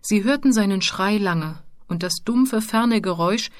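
A woman narrating a children's storybook in a calm, even manner. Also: mid-range voice, unhurried, dry recording. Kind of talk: audiobook narration. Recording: dry close studio sound.

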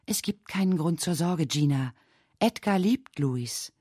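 A woman reading a calm, soft-spoken older lady. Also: low voice, unhurried, breathy edge, no echo, clean studio sound, full character voice. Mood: soothing. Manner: soft, soothing, unmoved.

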